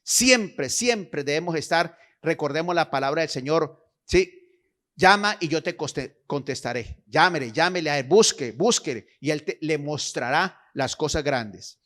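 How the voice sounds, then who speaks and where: A man's voice: on the high side, unhurried, a bit bright. A man preaching a sermon, exhorting his listeners, repeating phrases and checking in with them, and reading scripture aloud with emphasis.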